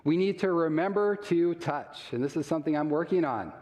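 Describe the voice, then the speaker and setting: A man with a fairly high voice speaks to a live audience at a health seminar, chatty and full of questions for the crowd. He chuckles easily as he explains. His voice rings out with a long reverb through a large hall. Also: expressive, a little fast, a little mellow. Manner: conversational, asks the audience questions, chuckles often.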